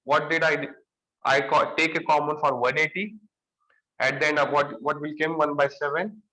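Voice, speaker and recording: A man's voice: fairly high pitch, steady tone, moderate pace, sharp tone, reverberant, rough recording. A young man with a Marathi accent giving an exam-prep lecture, repeating key phrases and stressing words. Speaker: engineering lecturer.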